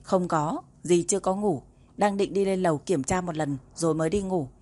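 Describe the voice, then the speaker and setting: A woman's voice: on the low side, normal speed, lightly acted. A woman narrator voicing a caring middle-aged housekeeper who fusses over the young ones in an audiobook. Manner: gentle, fussing.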